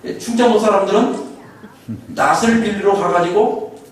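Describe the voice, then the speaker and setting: This pastor from Korea's Chungcheong region speaks in a high-sitting voice at normal speed while preaching a sermon lecture. His talk is full of folksy stories and frequent chuckles. He's captured far from the mic in an echoey hall, with faint hiss.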